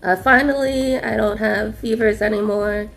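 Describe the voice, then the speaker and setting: A woman's voice: medium pitch, steady tone, moderate pace, vocal fry, fairly bright tone, soft background music. A woman who is a patient, giving a casual diary update while unwell and a little short of breath. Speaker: patient vlogger.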